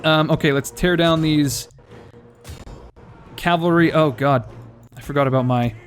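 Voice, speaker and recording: A man's voice: fairly high pitch, measured pace, soft background music. A man casually commentating a strategy game, thinking aloud and swearing now and then, his audio cutting in and out with uneven volume. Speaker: gameplay commentator.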